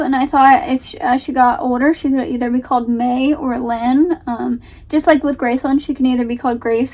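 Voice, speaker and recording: A young adult woman giving casual reaction commentary, explaining herself in a halting, repetitive, emphatic way. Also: high-pitched, darkish tone, far from the mic. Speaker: reaction video host.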